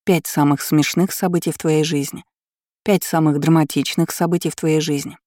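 A prim, flustered young woman with an irritable, nervous edge, voiced by a male audiobook reader. The tone stays dark and flat, close and dry, with little sign of a real female pitch. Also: normal speed, no echo, close to an everyday voice. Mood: brisk.

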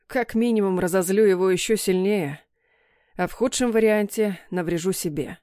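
A woman's voice: mid-range voice, normal speed, mellow, dry recording, clean studio sound, close to an everyday voice. A woman voicing a troubled middle-aged father who grumbles and snaps defensively. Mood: grim. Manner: gruff, grumbling.

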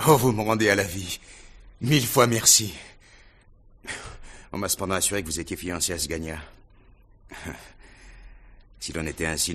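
An actor playing a rich, reckless young merchant's son who swings from low mutters to roaring shouts, in a 1960s radio drama. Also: male voice, husky. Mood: boastful.

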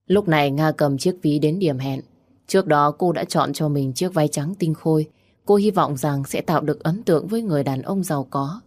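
Low-voiced woman narrating a story. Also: fairly quick, a little mellow, dry recording, studio quality.

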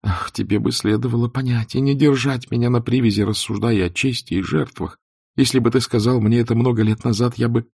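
A man voicing a frightened, bitter young Southern woman in an audiobook, pleading and reproachful, with a husky, gravelly voice. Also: mid-range voice, brisk, darkish tone, no echo, clean studio sound, voice pushed up.

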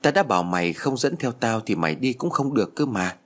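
A man's voice: mid-range voice, lively intonation, brisk, lightly acted. Man voicing a faceless schoolgirl ghost. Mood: eerie pleading. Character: dead schoolgirl ghost, faceless, clingy and ominous.

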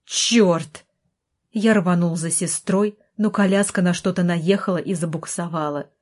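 A woman narrating an audiobook in a steady storytelling voice. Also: on the low side, moderate pace. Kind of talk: scripted narration.

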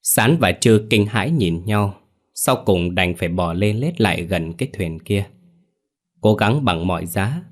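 A man narrating a ghost story in a dramatic, vivid storytelling manner. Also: low voice.

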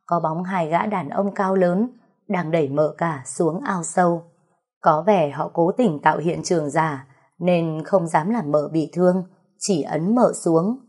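Woman storyteller, first-person narration, dark mellow tone, breathy, slow emotional reading. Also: on the low side.

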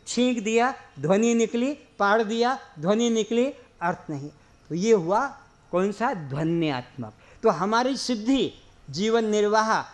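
High-voiced man giving an unhurried spiritual discourse. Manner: explains through rhetorical questions and simple examples; leads slow drawn-out chanting. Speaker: spiritual teacher. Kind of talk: religious discourse to a seated audience.

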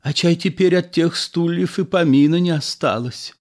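A man voicing a gushing ex-card sharp. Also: on the high side, moderate pace, voice pushed up, close to an everyday voice. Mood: gushing nostalgia. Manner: effusive, exclamatory. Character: emotional former card sharp, nostalgic émigré man.

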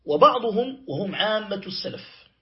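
A man teaching a Quran commentary lesson, reciting verses slowly and checking that his students follow. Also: high-pitched, expressive, lo-fi sound. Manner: explains slowly, quotes verses and checks with "clear?". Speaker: Islamic teacher. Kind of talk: tafsir lesson.

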